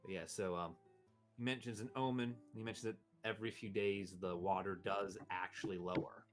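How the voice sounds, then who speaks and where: A man with a fairly low voice narrates a tabletop role-playing game as its game master. He improvises haltingly, often searching for the right word, with faint music underneath. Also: steady tone.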